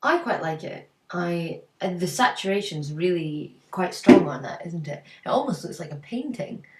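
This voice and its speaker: A woman's voice: fairly low pitch, animated, normal speed, heavy background noise. A woman co-hosting a casual photo critique, giving her views with many ums and likes. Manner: hesitant, lots of ums and likes. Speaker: co-host. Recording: roomy, mic at a distance.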